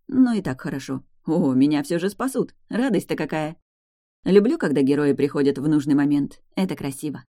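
A woman's voice: low voice, dark tone, dry recording, clean studio sound. A woman narrating a first-person fantasy audiobook in a wry, ironic manner.

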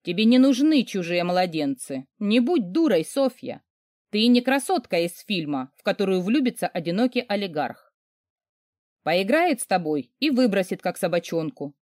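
A woman voicing a harsh, mocking middle-aged mother who scolds loudly. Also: mid-range voice, sing-song, moderate pace, no room sound, clean studio sound, lightly acted. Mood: scornful shouting.

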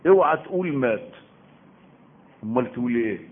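A man's voice: medium pitch, lively intonation, fairly quick. A man with an Egyptian Arabic accent, giving an emphatic Quran lesson, repeating phrases and firing rhetorical questions. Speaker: Islamic preacher giving Quran commentary. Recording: tinny phone-like audio.

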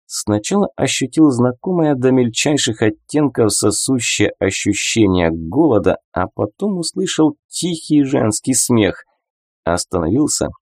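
A man narrating a first-person audiobook in an expressive storytelling manner. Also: medium pitch, dry recording, clean studio sound.

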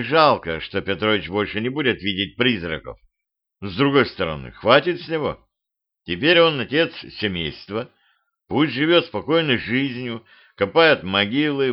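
A man reading a humorous audiobook in a lively storytelling way. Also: medium pitch. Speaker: audiobook narrator. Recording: slightly dull homemade audiobook recording.

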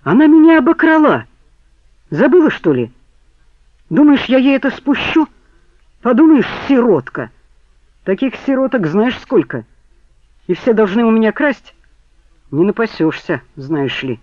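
A man's voice: very high-pitched, big pitch swings, a little slow, pauses often, no echo, muffled recording, voice pushed up, heavily acted. A male audiobook reader voicing an agitated, suspicious young man who bursts out indignantly. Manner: shouting, indignant outbursts.

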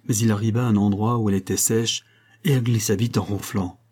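Low-voiced guy reading a novel aloud, mellow and kinda husky. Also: fairly even intonation, quick pace. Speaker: audiobook narrator. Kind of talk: scripted narration.

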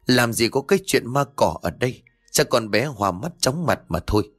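A man's voice: medium pitch, lively intonation, moderate pace, a bit bright, husky, dry recording, studio quality, soft background music. Man narrating a ghost story.

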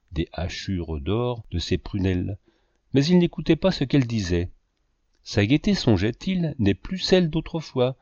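A man narrating a novel as an audiobook reader, with expressive, varied phrasing. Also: on the low side, no room sound. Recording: dull lo-fi dry recording.

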